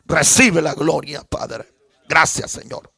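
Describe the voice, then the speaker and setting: A middle-aged man, a pastor, preaching and praying in an impassioned, shouting style into a handheld microphone in a small church hall. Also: a little high, creaky, breathy edge. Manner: impassioned, shouting, drawn-out phrases; standing, fist raised while preaching. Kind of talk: Pentecostal-style shouted sermon and prayer.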